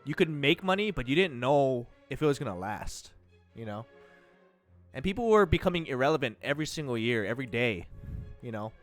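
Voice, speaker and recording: A man's voice: mid-range voice, big pitch swings, brisk, faint music behind. A young man streaming from home, chatting casually and self-deprecatingly into a close mic, laughing often. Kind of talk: casual chat. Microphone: close desk mic.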